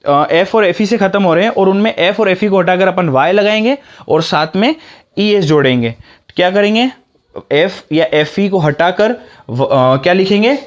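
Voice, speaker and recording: A man's voice: high-pitched, dull audio. A man teaching an English grammar lesson to beginners, explaining step by step and asking himself questions.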